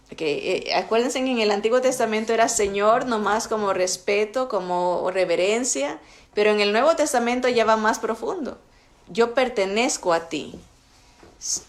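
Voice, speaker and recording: A woman teaching a Bible lesson in a conversational way, often stopping to ask her listeners if they follow. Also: medium pitch. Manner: conversational teaching, frequent fillers and tag questions. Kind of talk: recorded Bible study lesson.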